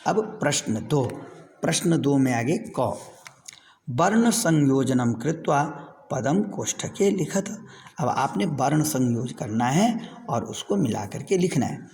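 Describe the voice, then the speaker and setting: A middle-aged man teaches Sanskrit to schoolchildren, stepping slowly through each word and repeating it for them to follow. His voice has a gravelly fry, and it trails off in a long reverb. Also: medium pitch, lively intonation, a little mellow, slight background noise. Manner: slow, patient, repeats each word for children. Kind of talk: classroom lesson over a screen recording.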